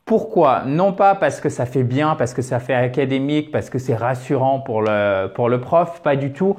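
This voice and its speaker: A man teaching English pronunciation in a video lesson, explaining patiently and repeating words slowly to demonstrate them. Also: mid-range voice, lively intonation, a little mellow.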